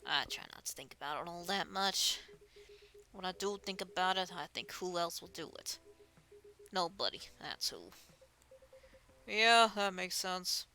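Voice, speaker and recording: A woman's voice: lowish voice, lively intonation, unhurried, sharp tone. A woman streamer reading game dialogue aloud in a playful manner, often laughing. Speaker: streamer playing a visual novel.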